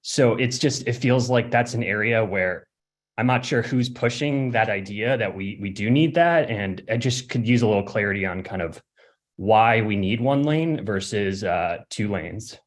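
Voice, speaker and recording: Hesitant young man with a low voice. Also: normal speed. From Connecticut, USA. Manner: hesitant, many fillers, clears throat. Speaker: resident giving public comment. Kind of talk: public comment at a city hearing. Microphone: remote call audio.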